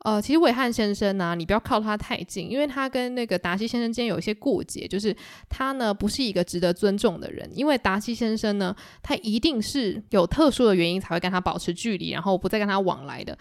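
A woman's voice: mid-range voice, expressive, fast, few pauses, dry recording, clean studio sound, natural voice. A woman voicing a snobbish young society woman who talks down with false sweetness. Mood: condescending.

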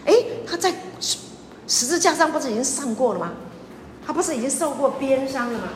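Higher-voiced woman pastor preaching in an echoey hall. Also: animated, brisk. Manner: repetitive, emphatic preaching with audience questions. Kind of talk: lively sermon. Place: church sanctuary. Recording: echoey church hall with faint noise.

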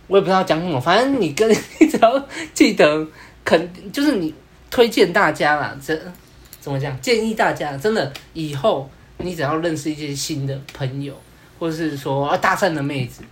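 A man's voice: on the high side, a little hiss or hum. A man co-hosting a podcast in casual chat, rambling and often repeating himself. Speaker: podcast co-host.

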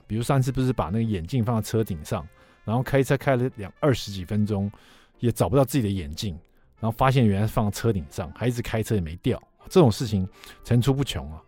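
A middle-aged man, a radio show host telling a funny story about himself in an animated way. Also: mid-range voice. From Taiwan. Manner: animated, self-mocking anecdote telling. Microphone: studio microphone.

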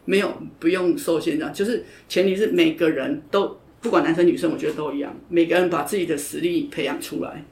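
A woman's voice: sits low, steady tone, fast talker, hardly any pauses, a little mellow. Frank woman coach, echoey room. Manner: frank, emphatic, often repeats herself. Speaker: judo coach and podcast guest. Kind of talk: casual interview chat. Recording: roomy echo.

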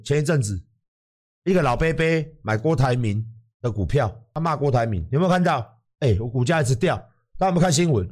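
A blunt man with a Taiwanese Mandarin accent hosts a livestream, his voice sitting a little high for a man. He swings his pitch up and down a lot and swears freely while he lectures his viewers. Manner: blunt, emphatic, swears freely, acts out quotes. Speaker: livestream host.

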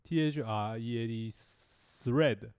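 A man, co-hosting a casual podcast chat with quick, teasing comebacks. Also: medium pitch, a little mellow, smooth. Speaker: podcast co-host.

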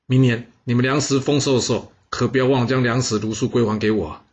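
A man's voice: mid-range voice, fairly even intonation, fast, darkish tone, highs cut off, natural voice. A man doing a smug, gullible king. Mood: self-satisfied. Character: gullible, self-assured king, easygoing.

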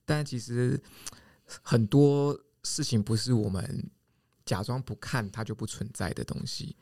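A man's voice: medium pitch, measured pace, vocal fry, darkish tone, no room sound, clean studio sound. A man co-hosting a podcast, talking reflectively in casual chat and filling gaps with short affirmations.

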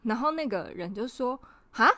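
Podcast co-host, woman, a bit high-pitched, animated and indignant, acts out quotes, dry booth sound. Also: normal speed, no room sound. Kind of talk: casual storytelling chat.

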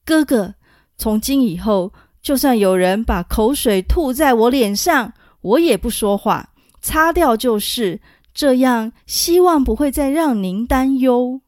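A woman's voice: a little high, expressive, a little slow, a little mellow, no room sound, studio quality. A woman voicing an eager younger male official who asks anxious questions in a storybook telling. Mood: earnest.

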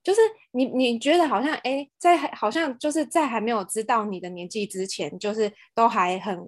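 A woman's voice: on the high side, brisk, no room sound, studio quality. A woman with a Taiwanese accent chatting casually on a podcast as co-host, in a self-mocking, mildly exasperated way.

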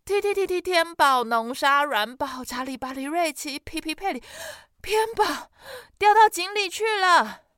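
A frantic little boy, high-pitched and panting as he shouts, told as a storybook figure by a woman putting him on. The voice is bright and clean, with a dry close sound. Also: very animated, slow, dry recording, full character voice. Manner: panting, shouting the long name over and over. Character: breathless little boy, frantic younger brother.

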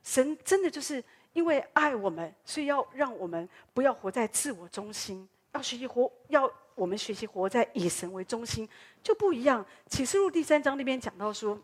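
A middle-aged woman pastor with a Taiwanese Mandarin accent, preaching a sermon in a lively storytelling way and tagging her lines with a casual "ha". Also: a little high, brisk. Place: church.

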